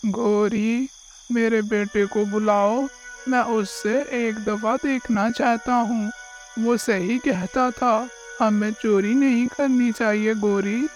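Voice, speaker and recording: A man voicing a scheming, hot-tempered male thief bird who is a father, in a gruff, threatening manner. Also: high-pitched, unhurried. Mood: dying regret. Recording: faint music behind the voice.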